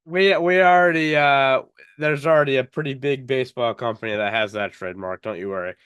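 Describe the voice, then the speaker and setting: A man's voice: medium pitch, brisk, a bit bright, clear, resonant tone, dry recording, muffled recording. A man co-hosting a casual sports podcast, stammering through restarts and laughing with his co-hosts. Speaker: podcast co-host.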